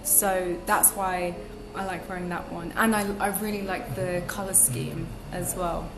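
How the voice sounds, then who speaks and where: A young woman appears as a podcast guest in a casual interview, her voice fairly low and steady and her pace measured. She's reflective and chatty, full of ums and restarts. The room is echoey, with music playing behind her.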